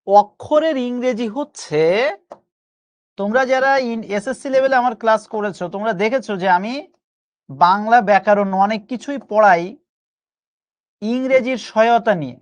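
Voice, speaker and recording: A young man teaching an online grammar class, coaxing his students and repeating key phrases slowly for emphasis. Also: high-pitched. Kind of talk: live online class lecture.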